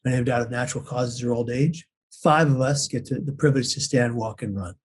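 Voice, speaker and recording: A man's voice: medium pitch, fairly quick, husky. A man telling his own story in an earnest, intense way as an interview guest. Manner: earnest and intense, acts out quoted voices. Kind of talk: personal storytelling.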